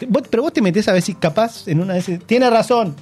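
A young adult man with a Rioplatense Spanish accent, co-hosting a casual radio chat, telling animated anecdotes and tripping over his words. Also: high voice, husky, soft background music. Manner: fast, animated, stumbling anecdotes. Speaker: radio show co-host.

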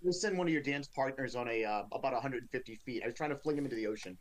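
A man's voice: mid-range voice, rapid-fire. A man playing a tabletop game over voice chat, eagerly explaining his moves. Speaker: player.

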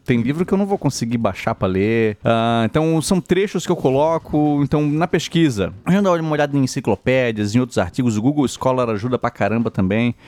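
A man's voice: medium pitch, fast talker, hardly any pauses, faint music behind. A Brazilian man co-hosting a casual podcast, chatting and reading listener emails aloud. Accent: Brazilian Portuguese. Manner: animated, lively storytelling. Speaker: podcast co-host.

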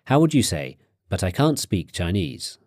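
Low-voiced man prompting language drills. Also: big pitch swings, normal speed, darkish tone, dry recording, studio quality. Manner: prompting questions, clear explanatory tone. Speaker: course narrator and teacher. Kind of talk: scripted instructional narration.

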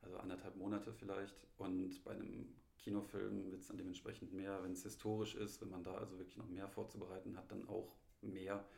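A man from Munich, working as an assistant director, answers interview questions in a hesitant way, full of pauses and filler sounds. His voice is low with a gravelly, creaky edge. It is recorded in an echoey living room. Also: completely flat delivery, a little mellow. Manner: hesitant, many ums and pauses.

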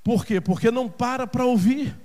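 A man preaching a sermon as pastor in a church, swinging between shouted peaks and hushed passages. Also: extremely high pitch, normal speed. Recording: long church reverb, faint noise.

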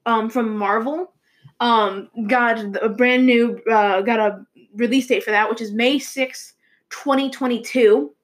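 A young woman with a somewhat high voice talks through movie news like a show host. She rambles along in a loose, casual way, full of fillers and restarts.

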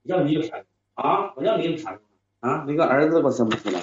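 A woman's voice: sits low, expressive, fast. Give me a woman doing a domineering, scolding husband in a comic radio skit, in a roomy, muffled recording. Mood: contemptuous. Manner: bullying, scolding, taunting. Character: domineering angry middle-aged husband. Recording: roomy, dull lo-fi sound.

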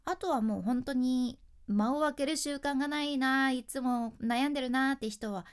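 A woman's voice: high-pitched, normal speed, clean tone. A young woman with a Fukuoka accent, a freelance announcer giving a casual speaking lesson in chatty explanations with dialect endings. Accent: Fukuoka Japanese.

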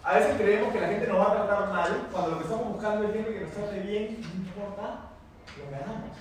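High-voiced man in a very echoey hall. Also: fairly quick. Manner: animated, repetitive, asks the audience questions. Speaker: motivational speaker. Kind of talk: motivational talk with anecdotes. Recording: very echoey room, mic far off, faint noise.

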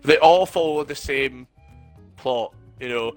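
A man's voice: medium pitch, slow pace, soft background music. A man in casual chat over a board game, laying out his opinion step by step. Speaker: podcast co-host.

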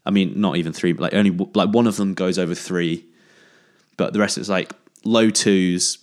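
A man's voice: sits low, steady tone, normal speed. A man hosting a casual chat, hesitant and searching for words with many ums. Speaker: podcast host.

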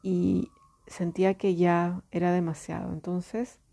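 Mellow, gravelly woman recounting. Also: fairly low pitch, little pitch movement. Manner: reflective, halting, with many restarts. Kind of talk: personal storytelling.

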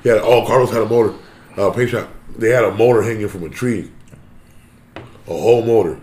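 A man with a slightly low voice tells stories casually among friends. His speech is informal, full of slang and swearing. The sound is roomy and echoing. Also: brisk, a little mellow. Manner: informal, says "bro" constantly. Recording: roomy echo.

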